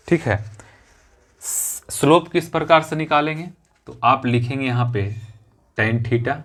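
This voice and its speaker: A male math teacher in a classroom who talks slowly and patiently. His voice sits in an ordinary middle range. He repeats each step and keeps checking with his students that they follow. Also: mid-range voice, fairly bright tone. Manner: explains step by step, repeats phrases, often checks with "theek hai".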